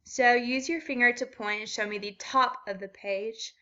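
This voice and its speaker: A woman's voice: a little high, fairly even intonation, normal speed, bright, forceful tone, lo-fi sound. A woman walking through a children's reading assessment step by step, with frequent ums. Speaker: student teacher explaining an assessment.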